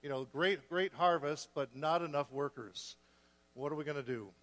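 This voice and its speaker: A man preaching a sermon, earnest and a bit short of breath, restarting phrases and clearing his throat. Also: a little high, normal speed, fairly bright tone, in a large hall. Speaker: guest preacher.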